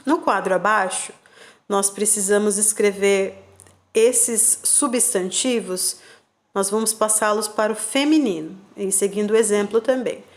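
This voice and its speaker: A woman teacher, giving patient, slow remote-class instructions to young children and spelling out syllables. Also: medium pitch. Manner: checks in with "tá bom?" and "combinado?". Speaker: primary school teacher.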